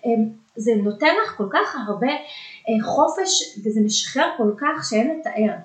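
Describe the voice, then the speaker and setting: A woman speaking as a guest confidence coach in a casual podcast conversation, earnest and emphatic, often pausing on filler sounds. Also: on the high side, expressive. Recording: roomy echo.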